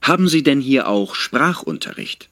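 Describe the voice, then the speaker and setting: An actor playing an interviewer in a scripted language exam dialogue, asking questions with lively intonation. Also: male voice, medium pitch, moderate pace, no echo, studio quality. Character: adult male radio-style interviewer.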